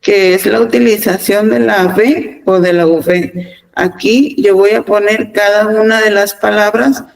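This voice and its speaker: A Mexican woman teacher giving a virtual class, talking deliberately and often repeating words and pausing with fillers. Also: medium pitch, steady tone, gravelly, rough recording. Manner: deliberate, repeats words, fills pauses with "este". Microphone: video call.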